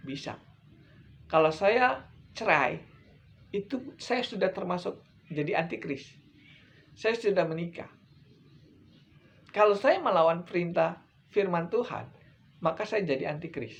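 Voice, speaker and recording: A man's voice: high-pitched, creaky. A middle-aged man preaching a sermon as an evangelist, blunt, emphatic and repetitive.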